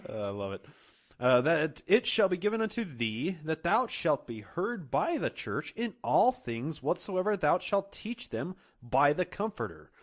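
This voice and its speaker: Playful giggly man, expressive pitch. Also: measured pace. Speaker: podcast co-host. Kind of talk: casual comedic chat.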